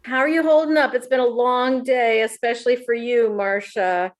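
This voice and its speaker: A woman's voice: a little high, fairly even intonation, moderate pace, natural voice. A woman playing an earnest webinar leader who hands out homework, in improv comedy. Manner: earnest, leisurely, facilitator-like.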